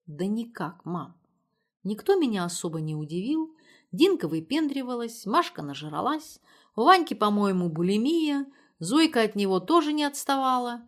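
A woman's voice: a little high, big pitch swings, normal speed, voice pushed up. A woman reading the part of an impatient, sardonic young woman in an audiobook. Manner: sardonic, irritable.

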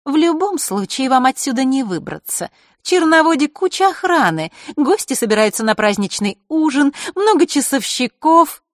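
Sly scheming teen girl, a woman reading her, high sing-song taunts, very lively, dry close sound. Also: normal speed, hardly any pauses, no room sound. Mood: mocking. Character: sly mocking teenage girl, sweetly scheming archer. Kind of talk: audiobook character reading.

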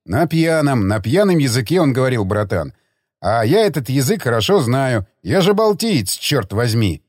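A man's voice: medium pitch, sing-song, moderate pace, darkish tone, dry recording, studio quality. A man voicing a sly, mocking tough guy in an audiobook, talking with cocky ease. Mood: smug. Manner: smug, mocking.

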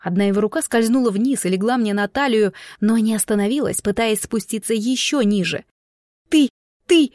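A woman narrating a fantasy novel in the first person, with expressive storytelling. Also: medium pitch, fairly quick, hardly any pauses, dry recording, studio quality. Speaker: audiobook narrator.

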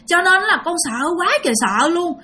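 A woman putting on a frightened young girl who rushes her words in fear. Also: very high-pitched, expressive, bright, forceful tone, voice pushed up, heavily acted. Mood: terrified. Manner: breathless, rushed, fearful. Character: frightened young girl after seeing a ghost.

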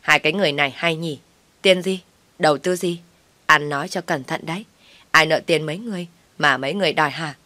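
Brazen young con woman, loud and scornful, read by a woman narrator; low-pitched. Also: fairly quick, no room sound. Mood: defiant.

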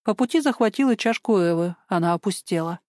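A woman reads an audiobook in an even, steady storytelling manner, delivering scripted narration at a fairly quick pace. Her voice sits in the mid range, and the studio recording is clean and dry.

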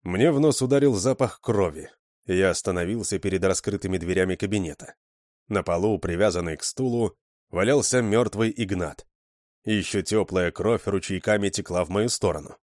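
Низкий мужской голос чтеца. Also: male voice, low voice, normal speed, dry recording, clean studio sound. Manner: steady storytelling. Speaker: audiobook narrator. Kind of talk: scripted narration.

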